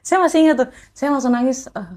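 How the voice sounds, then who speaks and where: A woman's voice: sits high, fast talker, a little mellow. A woman, a guest who used to be a food-delivery rider, tells her personal story earnestly and often addresses the host directly.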